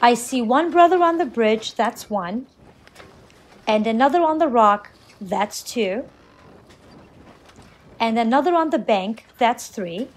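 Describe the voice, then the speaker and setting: Lady putting on fretful fisherman brothers, high and wailing, storybook voices. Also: expressive, slow, long pauses. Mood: lamenting. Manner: wailing, lamenting counting. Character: worried foolish fisherman brothers, adult men.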